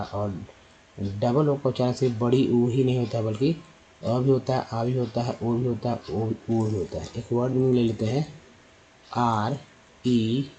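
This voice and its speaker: A man giving a spoken pronunciation lesson, spelling out letters and repeating words slowly for his viewers. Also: mid-range voice, warm tone, slight background noise, low-quality recording. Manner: addresses viewers as friends. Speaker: English pronunciation teacher.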